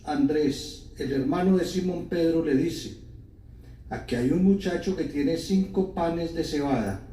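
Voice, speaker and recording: A man, a priest, solemnly reading scripture in a measured, deliberate way, his voice carrying a cathedral echo. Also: on the high side, mellow. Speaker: priest reading the Gospel at Mass. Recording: echoey church, cathedral-like echo, distant mic.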